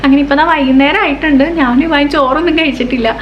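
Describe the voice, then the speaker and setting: A woman vlogger and mother chatting to the camera at home in a relaxed, chatty way. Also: sits high, quick pace, dull audio. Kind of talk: casual chat to camera at home. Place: room at home. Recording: echoey home room with faint hiss.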